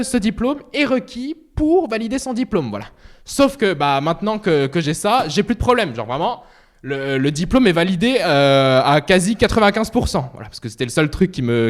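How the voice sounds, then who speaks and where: Very high-pitched, lively young man streaming. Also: moderate pace. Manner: excitable, swears often, playful outbursts. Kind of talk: casual livestream chat.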